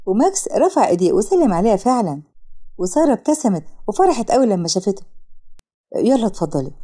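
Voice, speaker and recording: Fast, lively Egyptian woman storyteller. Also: medium pitch, husky. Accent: Egyptian Arabic. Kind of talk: storybook narration.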